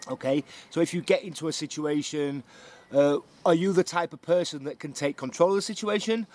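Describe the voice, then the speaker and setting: Male vlogger, instructor type, slightly high-pitched voice. Casual, explanatory outdoor piece to camera, checking in with the viewer. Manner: conversational, explanatory, often checking in with "okay" and "yeah". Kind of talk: casual book review to camera. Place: outdoors beside a stream.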